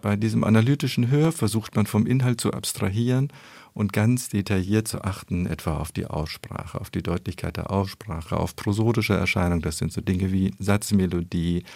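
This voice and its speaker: A man's voice: sits low, moderate pace, creaky, a little mellow, dry recording. A man who researches speech effects, explaining in precise, academic phrasing. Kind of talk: interview explanation.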